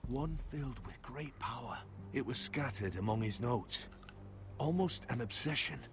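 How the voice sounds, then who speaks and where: An actor playing a solemn, loyal older male retainer and uncle in a video game, speaking in a measured, earnest way. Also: mid-range voice, background noise, close to an everyday voice. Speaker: loyal family advisor.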